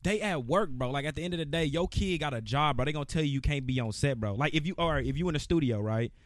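A man's voice: fairly high pitch, quick pace, dry recording, studio quality. A man co-hosting a casual podcast, explaining his points in profane slang full of "bro" and "dog". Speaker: podcast co-host. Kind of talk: casual back-and-forth podcast chat.

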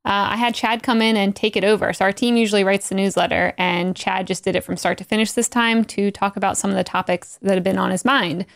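A woman's voice: medium pitch, steady tone, fast, creaky, hardly any pauses. A woman co-hosting a casual podcast recorded in a garage, with playful, informal banter. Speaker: podcast co-host. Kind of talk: casual chat.

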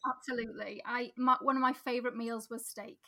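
A woman's voice: fairly high pitch, fairly even intonation, brisk, pushed and bright. A woman with a Yorkshire accent, a political candidate, talking conversationally in an interview and laughing often. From Sheffield, England. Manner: chatty, laughs often, frequent restarts.

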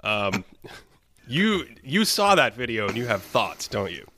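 A man hosting a sports podcast, talking in a thoughtful, measured way with some fillers. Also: medium pitch, very animated, bright, forceful tone, no room sound. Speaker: podcast host. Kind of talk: casual chat.

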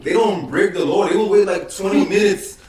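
A man's voice: high voice, a little fast, a little mellow, slight background noise. A young man in casual chat among friends, talking like a slangy frat bro who peppers his speech with "bro". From New York City. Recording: echoey, distant mic, crowd chatter behind.

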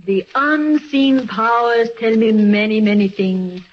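A high-voiced, grand fortune teller. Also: female voice. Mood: portentous. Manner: fortune teller's slow, portentous pronouncements. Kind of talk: 1940s radio comedy acting. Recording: muffled old radio broadcast, faint noise.

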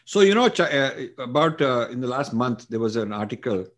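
A man's voice: medium pitch, sing-song, brisk, a bit bright. A middle-aged man from India, an author answering interview questions earnestly and emphatically, with frequent fillers and restarts.

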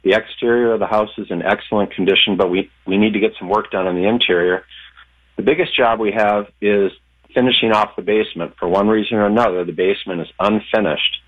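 A man's voice: on the low side, fairly even intonation, fast talker. A man calling in over the phone, politely laying out his question in an orderly way. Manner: polite, orderly, lays out details. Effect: heard over the phone. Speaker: caller. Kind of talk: casual call-in question. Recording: dull phone-line sound.

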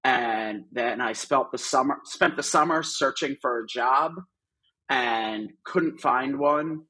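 Speaking slowly, a middle-aged man guesting on a podcast rambles through casual stories of his work as an artist manager, with many asides and fillers. His mid-range voice sounds bright and forceful with a breathy edge, on a low-quality recording.

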